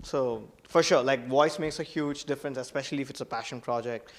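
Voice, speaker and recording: A young man, a student entrepreneur, pitching his startup eagerly with many fillers like "like" and "uh". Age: young adult. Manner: quick, filler-heavy, eager explaining.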